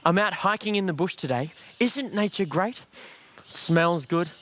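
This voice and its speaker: A man's voice: sits high, moderate pace, a little hiss or hum. An Australian man presenting a children's show in a playful, exclamatory, musical style. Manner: exclamatory, animated. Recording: loud music under the voice.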